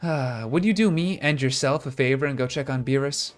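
A man's voice: mid-range voice, fairly quick, soft background music, natural voice. A man reading out the lines of a gossipy, worried oracle fish in a video game. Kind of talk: video game dialogue read aloud.

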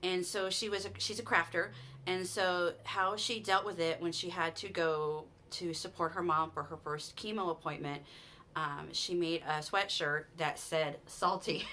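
Filming a casual haul video in a small room at home, this woman in her forties speaks to camera in a Utah American accent, chatty and eager, with frequent restarts and plenty of "you guys." Her pitch is fairly low and her intonation fairly even, her delivery a little slow, pushed and bright, with slight background noise.

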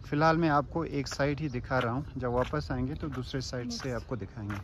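A man vlogging casually as he walks through an outdoor memorial in the mountains, pointing things out and reading plaque names slowly. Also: mid-range voice. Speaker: travel vlogger. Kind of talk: casual guided tour narration. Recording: muffled phone audio with outdoor noise.

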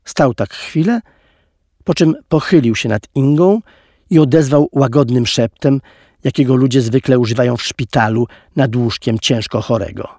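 A man narrating an audiobook in an expressive storytelling manner, recorded on a close studio mic. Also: medium pitch, normal speed, no room sound. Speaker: audiobook reader.

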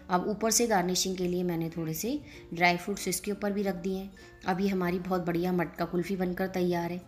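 A woman hosting a cooking channel, calmly explaining each step of a recipe in a voice-over and speaking straight to the viewers. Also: medium pitch. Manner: calm step-by-step instructing, addressing viewers directly.

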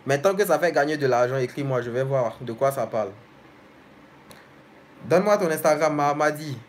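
A young man chats casually on a live stream, reading out viewers' messages and replying to each person by name in a friendly, direct way. His voice sits a little higher than most men's, and a faint hiss of noise runs underneath. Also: lively intonation, fairly quick. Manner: reads comments aloud then answers them directly and familiarly. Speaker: host of a live stream answering viewer comments.

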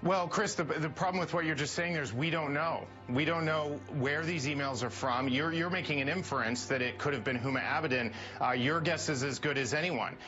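Defensive higher-voiced man in his 30s. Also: fairly quick, hardly any pauses, bright, forceful tone. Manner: defensive, stumbling restarts. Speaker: campaign manager. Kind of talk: political TV interview. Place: campaign office on remote feed. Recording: muffled broadcast audio with music behind.

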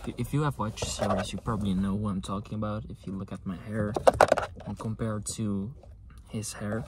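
A non-native English-speaking man in his twenties chatting casually for ASMR, soft-spoken and halting, sometimes slipping into a whisper. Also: lowish voice, fairly even intonation. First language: not English. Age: 20s. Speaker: ASMR video creator. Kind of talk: ASMR, casual rambling chat to camera. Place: inside a parked car with engine off. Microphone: close to camera behind steering wheel. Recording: clicking, tapping and handling noise throughout. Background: loud clicking and tapping.

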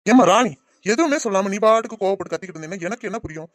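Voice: medium pitch, racing, no echo, close to an everyday voice. A performer voicing an easygoing cartoon village dad. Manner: calm, coaxing, pleading to viewers. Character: easygoing village father, soft on his daughter. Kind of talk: cartoon voice acting.

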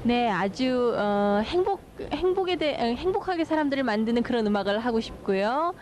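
A woman interpreting between Korean and English in a hotel lounge, speaking quickly and politely. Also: a little high, animated, background noise. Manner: rapid, fluent, polite.

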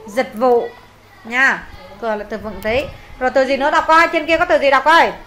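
A woman's voice: sits high, steady tone, normal speed, bright, forceful tone. A Vietnamese woman teaching an English lesson in a classroom, reading lines aloud, translating them and drilling vocabulary with repetition.

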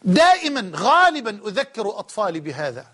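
A man's voice: high voice, huge pitch swings, brisk, fairly bright tone, breathy edge. A man with an Egyptian Arabic accent preaching an Islamic sermon, switching between classical Arabic and dialect, emphatic and pleading.

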